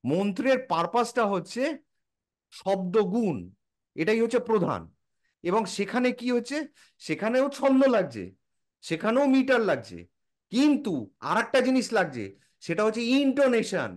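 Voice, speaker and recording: Lively high-pitched man lecturing a friend. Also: normal speed, pauses often. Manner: lecturing, answers his own rhetorical questions; informal, addresses listener as a close friend. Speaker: explainer in a casual chat. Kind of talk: casual explanatory chat.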